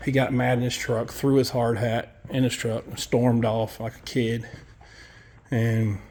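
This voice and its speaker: A man's voice: medium pitch, flat delivery, unhurried, a little mellow. A man, a construction worker giving a casual walkthrough of a building site, blunt and profane as he tells his story.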